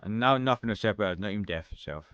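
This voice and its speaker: A man with a Scottish accent playing through a game, reading every character's lines aloud and shifting his pitch between the parts, close to the mic. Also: racing, fairly bright tone, smooth, dry recording, dull audio. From Scotland. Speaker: let's-play streamer.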